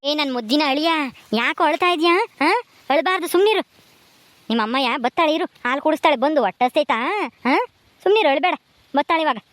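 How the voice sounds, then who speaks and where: A woman's voice: high voice, fast talker, a bit bright, no echo. A woman playing an easygoing village husband and fond uncle, with a rural Karnataka Kannada accent and a soothing, defensive manner.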